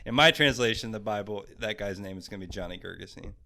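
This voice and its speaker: A man with a bright, forward voice co-hosts a podcast. He talks in loose, joking banter, often breaks into laughter, and tosses off quoted lines in casual put-on voices. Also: fairly low pitch, quick pace, creaky, slight background noise. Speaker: podcast co-host. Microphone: wireless headphones.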